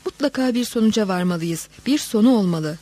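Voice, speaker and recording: A woman voicing a frail, embittered middle-aged male schoolteacher who shouts in weak, shrill fury. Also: animated, fairly quick, lightly acted. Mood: despairing.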